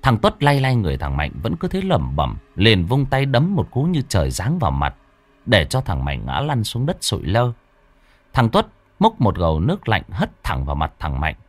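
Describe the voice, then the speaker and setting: A man narrating a ghost story dramatically, slowing for suspense. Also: on the low side, huge pitch swings, no echo.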